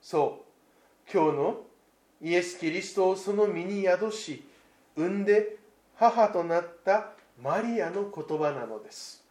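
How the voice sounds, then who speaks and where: A man preaching a Christmas sermon, slow and reflective with dramatic pauses. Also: sits high, animated, a little mellow, echoey room. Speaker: pastor.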